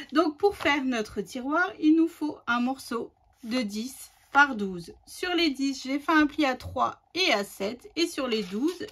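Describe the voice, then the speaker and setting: A woman hosting a casual crafting tutorial, chatty and rambling, with many fillers and restarts. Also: fairly high pitch.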